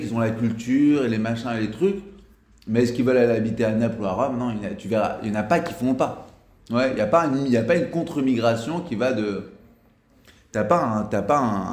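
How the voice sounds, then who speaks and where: A man giving a casual spoken lesson as a religious teacher, talking in a halting way with frequent restarts and fillers. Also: mid-range voice, a little mellow, roomy sound.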